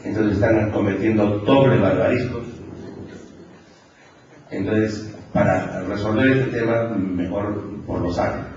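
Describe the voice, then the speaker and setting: Peruvian guy lecturing, low voice, big echoey hall, muffled far-off recording. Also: steady tone, unhurried, noisy background. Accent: Peruvian Spanish. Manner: didactic, checks in with the audience. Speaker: university lecturer. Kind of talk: conference lecture.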